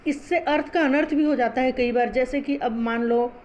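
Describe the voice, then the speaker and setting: Spelling out sounds one syllable at a time, a female Hindi teacher walks her class through pronunciation with slow patience. Her voice sits high with a slightly mellow quality, and there's a bit of hiss or hum.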